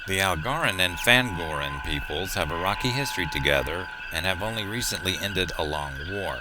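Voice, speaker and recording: A man playing a calm, commanding starship captain in an audio drama, measured and authoritative. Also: low-pitched, heavy background noise. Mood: measured, official.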